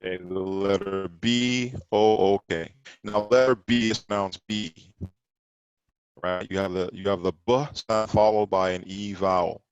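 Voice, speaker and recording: A man's voice: low voice, fairly even intonation, measured pace, smooth, dry recording, lo-fi sound. A man teaching a Sabbath study class, explaining pronunciation emphatically and repeating points to drive them home. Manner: explanatory, emphatic, repeats words while correcting others' pronunciation.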